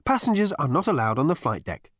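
A metallic ship autopilot in an audiobook, stiff and insistent as it repeats its orders, voiced by the male narrator. The voice is raised in pitch and a bit louder than his narration. The recording is dry. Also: very animated, fast talker, dry recording.

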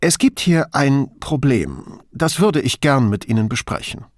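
A timid, pedantic male bureaucrat on the phone, put on by a male audiobook reader. His voice sits noticeably higher than the reader's own and is dry and close. He sounds fussy and submissive. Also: big pitch swings, a little slow, no room sound. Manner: pedantic, submissive, raised pitch.

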